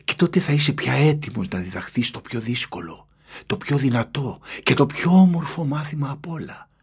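A man voicing a wise old male seagull elder in an audiobook, speaking calmly and unhurriedly. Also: mid-range voice, breathy edge. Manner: calm, unhurried, matter-of-fact. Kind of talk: audiobook reading.

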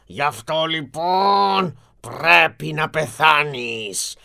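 A storyteller voicing a hideous, stern male beast in a fairy tale, speaking slowly and menacingly. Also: vocal fry, bright, forceful tone. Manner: slow, drawn-out, booming delivery.

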